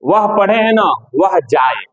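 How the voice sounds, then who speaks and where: A man teaching a classroom lesson, slow and patient, repeating each step for his students. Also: sits high, expressive, highs cut off.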